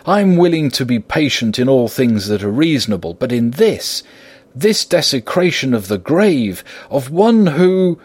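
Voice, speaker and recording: A man reading an audiobook voicing a proud, indignant young gentleman in agitated, pleading outbursts. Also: on the low side, lively intonation, unhurried, dry recording.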